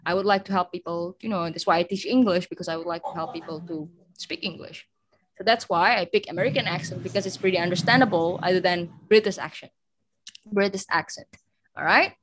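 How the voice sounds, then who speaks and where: A woman's voice: on the low side, moderate pace, a crowd in the background. A young woman tutoring English in a casual online session, switching between two languages and explaining with everyday examples over a video call. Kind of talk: online training session, mixing Indonesian and English.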